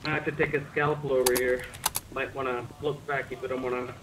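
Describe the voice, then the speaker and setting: A man plays a medic in a roleplay game, talking casually in character over game voice chat with clear background noise. His medium-pitched voice moves a little fast with little pitch movement.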